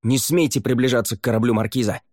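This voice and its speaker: A man voicing a commanding, sharp-tongued female pirate captain in an audiobook. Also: medium pitch, steady tone, fast, voice pushed up, lightly acted. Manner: commanding, snappish.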